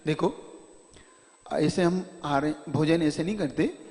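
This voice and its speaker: An elderly monk speaks with quiet patience and kindness, as a preaching monk acts him out. The voice drops low and soft, calm and even. A long hall reverb trails behind it. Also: male voice, takes it slowly. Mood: gentle.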